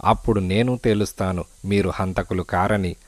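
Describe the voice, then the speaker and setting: A man reading the part of a calm, shrewd male detective in an audiobook, speaking firmly and persuasively. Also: sits low, normal speed, dry recording. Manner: firm, persuasive.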